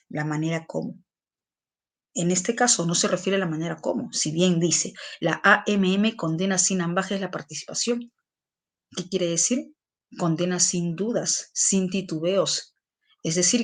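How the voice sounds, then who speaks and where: Patient woman teacher. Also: on the low side. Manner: patient, repeats phrases to explain, checks in with students. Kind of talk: online class explanation.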